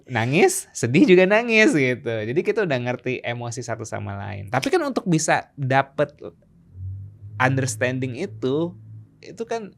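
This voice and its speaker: A man's voice: moderate pace, creaky. A man, co-hosting a casual relationship talk and acting out quoted lines. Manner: animated, acts out quoted lines with pitch jumps. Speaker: relationship coach co-host. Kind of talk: casual conversation.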